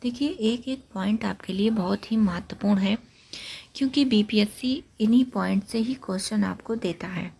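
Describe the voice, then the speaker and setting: Breathy woman teaching a grammar class. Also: mid-range voice, normal speed, a little mellow. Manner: repetitive, explains points step by step. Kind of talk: exam-prep grammar lesson.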